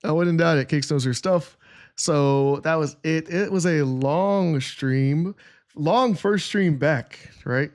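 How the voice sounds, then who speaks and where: Rambling streamer man, higher voice. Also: slow pace, a little mellow. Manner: casual, rambling, fills with "like". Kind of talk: reaction commentary.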